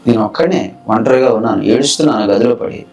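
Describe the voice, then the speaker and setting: A man's voice: medium pitch, fast. A man from Andhra Pradesh giving an earnest, emotional personal testimony of his conversion. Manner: earnest, emotional retelling with acted quotes. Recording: distant mic with soft background music.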